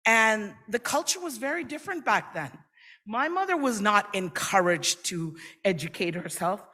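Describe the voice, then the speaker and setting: A woman's voice: a little high, pushed and bright, in a large hall. A middle-aged woman giving a friendly, conversational personal speech at a conference. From New York, USA. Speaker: invited speaker. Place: conference hall.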